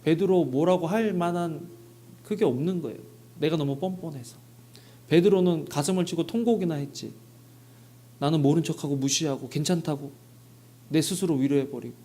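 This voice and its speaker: A man's voice: fairly high pitch, normal speed, long pauses, warm tone. A man preaching a Sunday sermon as pastor, asking the congregation questions and acting out short bits of dialogue. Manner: rhetorical questions, acts out dialogue. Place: church sanctuary.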